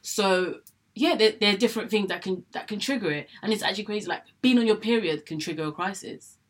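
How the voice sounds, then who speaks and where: This fast-talking young Englishwoman, her voice mid-range, vlogs candidly about her own illness. She chats directly to camera, repeats herself a lot, and performs the thoughts she once had.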